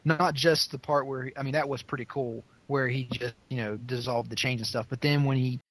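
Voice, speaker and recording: A man's voice: medium pitch, fairly even intonation, normal speed, low-quality recording. A man in casual book-club chat, hesitant and full of fillers as he praises a scene.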